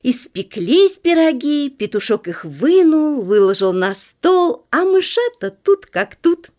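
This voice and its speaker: A woman narrating a children's fairy tale in an expressive, sing-song way. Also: high voice, slow pace. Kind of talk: storybook reading for children.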